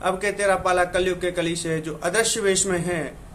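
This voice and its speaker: A man's voice: high-pitched, steady tone, moderate pace, fairly bright tone, slight background noise. A man reciting as boastful demon Kali. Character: arrogant demon Kali, boastful male evil spirit. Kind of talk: recited devotional poem.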